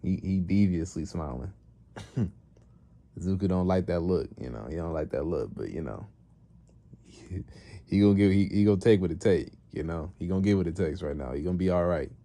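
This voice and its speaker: A man's voice: low-pitched, normal speed, dark tone. A man casually retelling a comic story in slangy, conversational talk.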